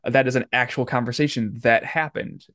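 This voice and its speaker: A man co-hosting a podcast, telling stories in lively casual chat and often laughing. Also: mid-range voice, fairly quick, dry recording, clean studio sound. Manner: animated storyteller, laughs often. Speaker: podcast co-host.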